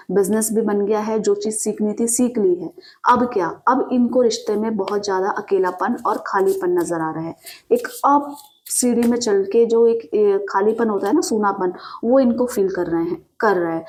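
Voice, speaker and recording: A woman with a mid-range, slightly mellow voice gives a chatty tarot reading directly to the camera. She talks to the listener with rhetorical questions and plenty of fillers.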